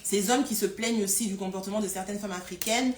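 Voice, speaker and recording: Thinking aloud to her live stream audience, a woman chats casually at a quick pace and steady tone, tripping over repeated words and fillers. Her pitch is ordinary and middle-range. The room echoes, with a faint hiss beneath.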